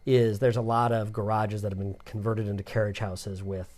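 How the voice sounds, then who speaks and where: A man's voice: lowish voice, little pitch movement, fairly quick, darkish tone. Rambling casual male podcast co-host. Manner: rambling, loose, with many fillers and restarts. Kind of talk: casual chat.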